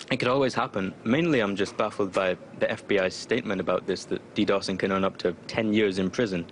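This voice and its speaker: A man speaking through a disguise that makes his voice sound deeper. He is a spokesperson answering interview questions over a remote call, defiant and loose, with many fillers. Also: a little hiss or hum. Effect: voice disguised lower. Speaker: spokesperson for online activist group. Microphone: remote call connection.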